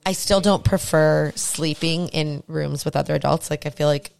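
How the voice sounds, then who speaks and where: A woman, a podcast co-host telling an animated story and acting out both sides of each conversation. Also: sits low, moderate pace, gravelly, no echo, studio quality. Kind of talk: casual chat.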